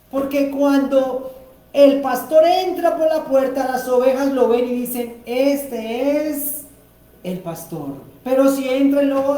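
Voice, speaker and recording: A woman preacher delivers a slow, deliberate sermon, turning to the congregation with frequent questions. Her voice sits high but has a mellow, dark tone. The recording comes from a strongly echoing church hall. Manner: addresses congregation directly with questions. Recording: very echoey church hall with faint noise.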